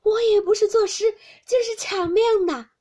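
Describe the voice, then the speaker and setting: A woman reading aloud gives voice to a quick-witted teenage girl poet who teases her friends and is breathless with laughter. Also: extremely high pitch, a little mellow, pitched above the performer's own voice. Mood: laughing. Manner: bold, teasing.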